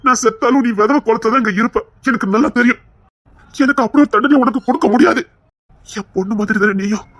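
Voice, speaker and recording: A man's voice: very high voice, fast talker, a bit bright, dry recording. Brief: man voicing a sorrowful husband in an audio story, earnest and begging, dry close sound. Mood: pleading. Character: remorseful rough husband, gently pleading. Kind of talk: Tamil audio story acting.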